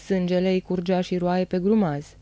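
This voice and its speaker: Warm, low-voiced woman reading a novel. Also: flat delivery, smooth, dry recording. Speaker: narrator. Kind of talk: audiobook reading.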